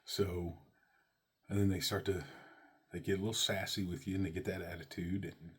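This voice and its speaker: A man telling a personal story about being a father, animated and leaping high on exclamations. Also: normal speed, breathy edge.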